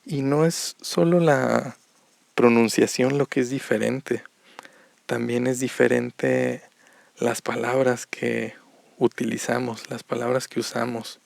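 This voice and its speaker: A man from Mexico with a Mexican accent, teaching Spanish to learners on a podcast and explaining things slowly with plenty of examples. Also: medium pitch, steady tone, vocal fry, no echo. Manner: slow, repetitive explanations with examples.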